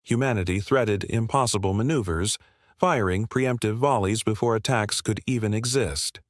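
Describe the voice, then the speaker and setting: Deep-ish guy reading a space war story, steady and dramatic. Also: normal speed, no echo, studio quality. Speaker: narrator. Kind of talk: scripted sci-fi narration.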